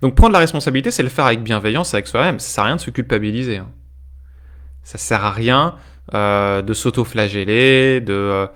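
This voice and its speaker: A man coaching viewers through a live stream, with a voice of middle pitch. He talks off the cuff, full of small hesitations and asides to his audience. He drags out his key phrases for emphasis. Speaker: life coach. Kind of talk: live-streamed motivational talk.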